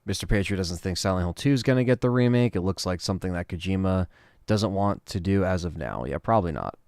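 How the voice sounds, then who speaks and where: A man hosting a casual livestream, answering chat questions in a relaxed, rambling way with lots of fillers. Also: low-pitched, fast talker, no room sound, studio quality.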